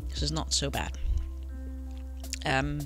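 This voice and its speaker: Speaking slowly in a steady, somewhat bright voice pitched a little high, a game channel host talks through his football management game casually despite a cold. His commentary is packed with filler words and self-corrections, and faint background music runs underneath.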